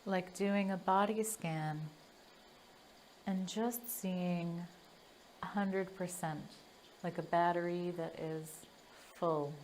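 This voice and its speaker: Guiding a meditation, a woman speaks softly and soothingly in a lowish voice with fairly even intonation, letting long pauses fall between her phrases. There is slight hiss or hum in the audio.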